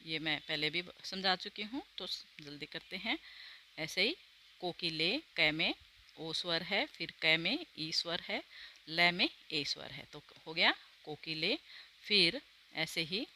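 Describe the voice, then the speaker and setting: A woman teaching a school lesson, her voice bright and clear. She speaks very slowly and deliberately, pausing over each word as she reads it out. Her voice sits a little low. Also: expressive, slight background noise. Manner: slow, deliberate word-by-word reading with translations. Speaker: Sanskrit teacher. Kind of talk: classroom lesson explanation.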